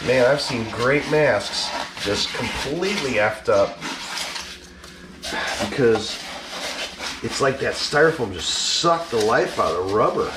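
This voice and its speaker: A man's voice: mid-range voice, animated, slow, pauses often, noisy background. A man collector talking casually in a blunt, exasperated way and swearing freely. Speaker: mask collector. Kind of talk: casual vlog ranting.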